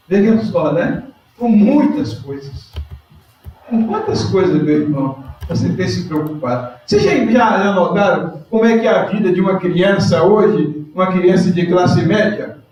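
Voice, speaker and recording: A man preaching a lively sermon and quizzing his congregation by name. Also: high-pitched, heavy reverb, distant mic, muffled recording. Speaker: pastor.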